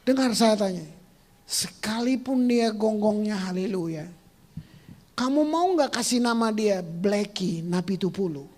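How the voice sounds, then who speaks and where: Male pastor preaching, kinda high voice, jokey and dramatic, whispers then yells. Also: expressive, a little slow. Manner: theatrical, swings from hushed whispers to shouts; jokey and teasing with the congregation. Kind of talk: sermon.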